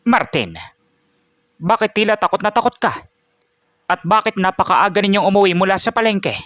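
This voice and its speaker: A man playing a wise old grandfather, voice pitched high. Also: normal speed, bright, forceful tone, dry recording, clean studio sound. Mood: worried. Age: older. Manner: earnest, pleading, rising in alarm.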